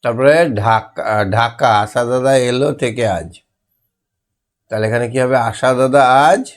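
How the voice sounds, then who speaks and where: Guy teaching little kids homework, slow and patient, spells out each letter, average pitch, close mic. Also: steady tone. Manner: patient, quizzes children and spells words out letter by letter. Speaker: primary school teacher. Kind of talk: homework lesson for young children.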